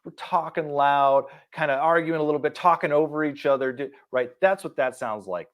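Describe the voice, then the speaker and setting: Laughing man co-hosting a podcast. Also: fairly quick. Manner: laughing, self-mocking, jumps in pitch for quoted voices. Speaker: podcast co-host. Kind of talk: casual podcast chat.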